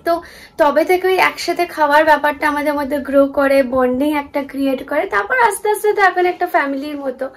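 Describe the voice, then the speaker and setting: Chatty high-voiced young woman vlogging. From Kolkata, India. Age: young adult. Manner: fast, chatty, mixes in English words. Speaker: vlogger, student in the UK. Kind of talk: casual vlog chat. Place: shared student kitchen.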